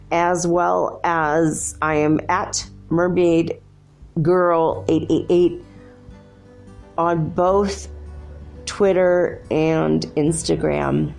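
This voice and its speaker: Low, mellow woman with a swollen-throat sound. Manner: informal, self-quoting, chatty asides. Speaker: podcast host. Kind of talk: casual rambling solo podcast chat.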